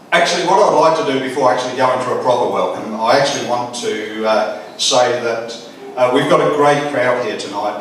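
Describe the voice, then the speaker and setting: A middle-aged Australian man giving an informal father of the bride wedding speech, halting and folksy with dry humour. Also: medium pitch. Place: large echoey wedding reception room. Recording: echoey hall from far off, faint noise.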